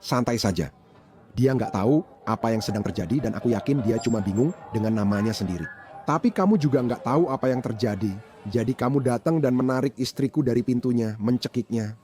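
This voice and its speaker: A man's voice: medium pitch, fairly quick, soft background music, natural voice. A man dubbing an agitated brawl witness. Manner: agitated, animated retelling with slang. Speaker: man involved in a fight, telling police. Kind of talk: dubbed bodycam account.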